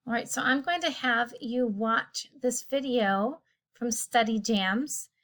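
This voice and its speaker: A woman's voice: fairly high pitch, slow pace, fairly bright tone. A woman teacher casually explaining a science lesson, often rephrasing as she goes. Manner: casual, explanatory, self-correcting.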